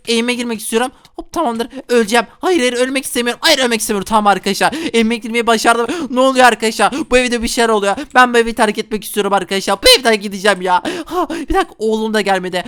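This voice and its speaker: A man's voice: extremely high pitch, fairly bright tone, clear, resonant tone. A man voicing a hot-tempered, easily scared father in a Minecraft role-play, frantic and talking to viewers. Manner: frantic, exclaiming, talks to viewers.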